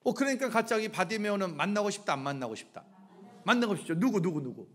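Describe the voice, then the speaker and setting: A middle-aged pastor preaching a revival sermon in a church, firing either-or questions at the congregation and acting out shouts. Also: male voice, high-pitched, big pitch swings, quick pace. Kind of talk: lively revival sermon with call-and-response questions. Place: church sanctuary.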